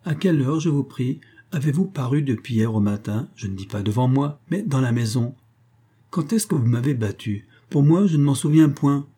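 A man's voice: medium pitch, expressive, moderate pace, warm tone, husky. A man voicing a haughty indignant wife. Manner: haughty and mocking. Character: proud, indignant young wife, cool and cutting.

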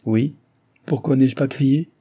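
A man's voice: mid-range voice, slow pace, mellow, pitched above the performer's own voice. A man reading voicing a comic male valet who laments and frets. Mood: lamenting. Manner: lamenting, fussy.

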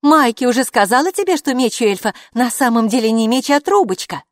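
A woman's voice: a little high, expressive, brisk, dry recording, studio quality, pitched above the performer's own voice, lightly acted. A woman playing a smug, bossy girl. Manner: smug and commanding. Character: proud, bossy older girl.

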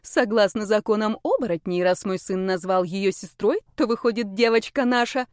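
A woman's voice: medium pitch, moderate pace, a little mellow, no echo, studio quality, natural voice. A woman voicing a sly, scheming older werewolf matriarch who sighs dramatically and longs for grandchildren. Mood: insistent.

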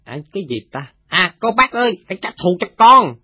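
A man with a Southern Vietnamese accent voicing a coarse, gossiping rank-and-file soldier who talks roughly and swings between loud and soft. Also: fairly high pitch, big pitch swings, normal speed, full character voice. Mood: boastful recounting. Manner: rough, chatty storytelling with swings in loudness. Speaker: voice actor in an audio drama. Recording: dull, dry lo-fi recording.

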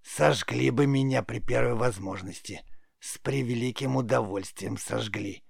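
A man reading an audiobook, voicing a spiteful old forest witch with a creaky voice. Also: medium pitch, unhurried, no room sound, studio quality, heavily acted. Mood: grumbling.

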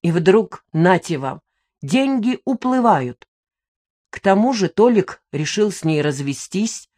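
A woman's voice: fairly low pitch, animated, takes it slowly, dark tone. Woman reading as a gloating, sleepy older woman. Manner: gloating, grumbling. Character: older woman, tipsy, spiteful, sleepy mother. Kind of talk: audiobook character voice.

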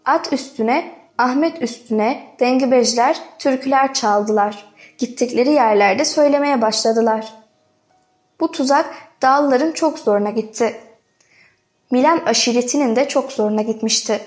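Woman narrating a folk novel, measured. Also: on the high side, a little mellow. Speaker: audiobook narrator. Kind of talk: scripted literary narration.

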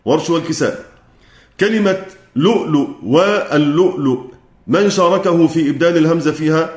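A man with an Egyptian accent teaching a recitation class, chanting verse lines slowly and quizzing his students. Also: fairly high pitch, echoey room. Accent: Egyptian Arabic. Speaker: lecturer on Quran recitation. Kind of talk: classroom lecture.

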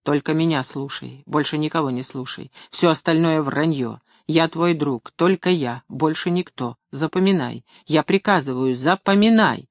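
A man's voice: on the high side, moderate pace, few pauses, no room sound, clean studio sound, close to an everyday voice. A man playing a commanding young man. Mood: low insistent. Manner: firm, insistent commands.

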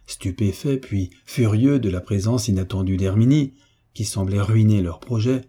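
Male audiobook reader, low voice, dark and mellow, measured dramatic delivery. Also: slightly rough. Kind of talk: scripted narration.

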